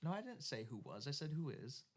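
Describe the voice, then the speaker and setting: A man's voice: on the high side, very animated, fast, a loud crowd. A man co-hosting a casual podcast, talking with a slight lisp and telling rambling, profane, joking stories. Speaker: podcast co-host. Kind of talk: casual chat.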